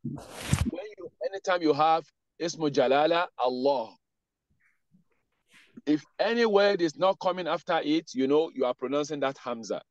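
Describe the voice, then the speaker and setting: A man teaching an Arabic pronunciation class online, saying words slowly and carefully and then explaining the rules behind them. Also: fairly high pitch, dry recording. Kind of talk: online class with read-after-me drills. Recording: dull lo-fi online class audio.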